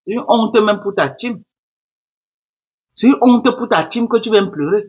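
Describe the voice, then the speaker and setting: A woman's voice: mid-range voice, a little slow, darkish tone. A woman hosting a Facebook live, taunting and scolding in a repetitive, mocking commentary. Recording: muffled lo-fi live stream.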